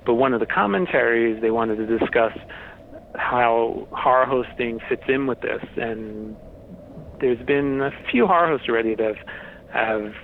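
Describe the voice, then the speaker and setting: A man gives a casual interview as a guest, explaining in a matter-of-fact manner. He sounds thin and tinny, as if over a phone line, with faint noise in the recording. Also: mid-range voice. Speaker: interview guest, horror host website runner.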